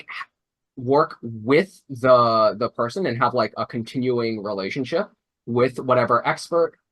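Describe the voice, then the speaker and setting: A young man in a mid-range, somewhat bright voice explains casually to robotics teams he mentors over a video call. He rambles, sprinkling in "like" and "uh," and often starts over to correct himself.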